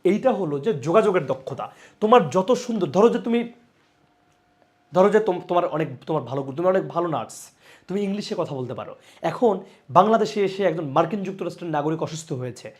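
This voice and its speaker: Lively young male online teacher. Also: high voice, fairly quick. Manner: lively, repeats points and calls out students' names. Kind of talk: live online exam-prep lesson.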